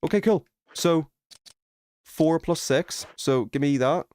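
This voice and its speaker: While playing a video game on a live stream, a man chats casually and reasons through puzzles out loud, keeping things informal. His pitch is fairly high, his delivery slow and a little mellow, with no room sound.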